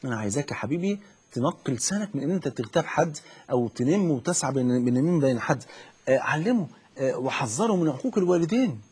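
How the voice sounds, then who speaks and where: Man, Egyptian accent, preacher, fatherly, fervent, husky, high-ish voice. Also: lively intonation, quick pace, darkish tone. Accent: Egyptian Arabic. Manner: fervent, fatherly, keeps saying "my dear". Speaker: preacher hosting a call-in show. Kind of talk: religious talk and advice.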